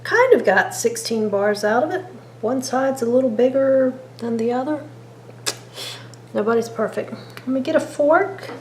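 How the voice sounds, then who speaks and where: A woman's voice: sits high, lively intonation, a little slow, darkish tone, roomy sound, slight background noise. A woman chatting to viewers in a homey way as she cooks in her home kitchen. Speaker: cooking vlogger. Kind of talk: casual cooking vlog.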